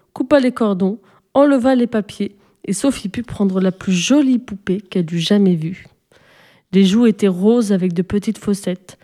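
Woman narrator, storybook reading, measured pace, warm mellow tone. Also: mid-range voice.

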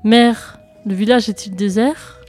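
A woman's voice: medium pitch, steady tone, slow pace, a little mellow, soft background music. A woman voicing a determined young hero, speaking earnestly and resolutely in a storybook reading. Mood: curious. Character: determined young hero, a boy grown to a man.

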